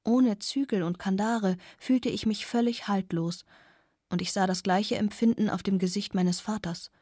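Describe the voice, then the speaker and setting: A woman's voice: mid-range voice, steady tone, normal speed, mellow, dry recording, clean studio sound. A woman reading a novel aloud in first person, intimate and sometimes dropping to a near whisper. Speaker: audiobook narrator. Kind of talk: scripted first-person narration.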